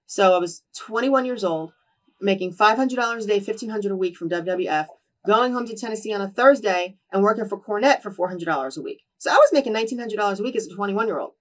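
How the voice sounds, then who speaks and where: Captured from a distance, a New Jersey woman with a medium-pitched voice rattles off stories quickly as an interview guest. It's a casual, sit-down chat, and she's lively, performing any dialogue she quotes.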